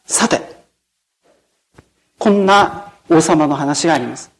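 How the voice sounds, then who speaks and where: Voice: medium pitch, animated, takes it slowly, rough recording. A pastor delivering a sermon in a formal, explanatory way, often ending sentences with solemn set phrases and asking the listeners questions. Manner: formal preaching with frequent "de arimasu" sentence endings. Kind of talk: sermon with storytelling.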